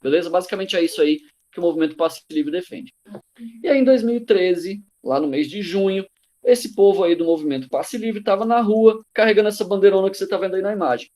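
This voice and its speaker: A man's voice: high-pitched, fast talker, warm tone. A man teaching a live online class over a video call, casual and slangy, acting out what people said. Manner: casual and slangy, acts out quotes.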